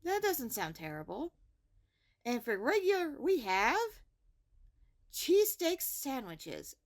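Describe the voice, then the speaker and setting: In a heavily acted, appreciative performance, a woman voices a caring, orderly high school principal giving measured morning announcements for a fantasy web series. She speaks directly to her students in a very high voice with lively pitch swings.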